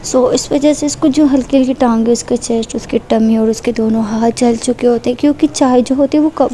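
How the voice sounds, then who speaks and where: A woman narrating a story casually, her voice high but mellow and soft. She rambles in a chatty way, with a faint hiss of noise behind her.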